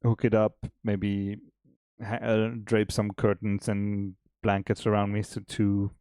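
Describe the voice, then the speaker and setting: A man, an indie game developer, chatting casually on a stream, relaxed and laughing often. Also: lowish voice, slow pace, clean tone, no room sound. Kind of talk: casual chat on a dev stream.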